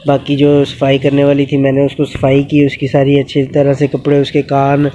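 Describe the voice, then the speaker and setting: A man in a casual instructional vlog, explaining goat care outdoors in an unhurried way with many pauses and fillers. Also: mid-range voice, completely flat delivery, noisy background. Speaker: goat keeper and channel host. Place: outdoors in a yard with animals.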